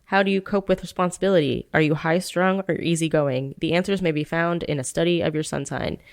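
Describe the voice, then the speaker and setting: Deep-voiced woman tossing out playful quips. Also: creaky. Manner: playful, quick quips and frequent "mm-hmm" backchannels. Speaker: podcast co-host. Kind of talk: casual chat.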